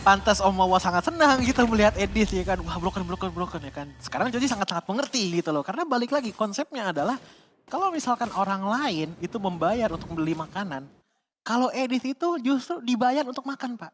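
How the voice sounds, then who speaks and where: A man's voice: high-pitched, expressive, quick pace. A man giving live mobile game commentary and analysis in a conversational, explanatory way. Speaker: esports match co-commentator. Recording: clear background noise.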